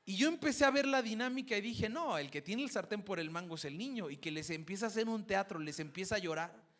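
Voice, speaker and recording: A man's voice: sits high, lively intonation, fast, a bit bright. A man preaching a sermon, telling a classroom story and acting out the parents he quotes. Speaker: preacher and schoolteacher.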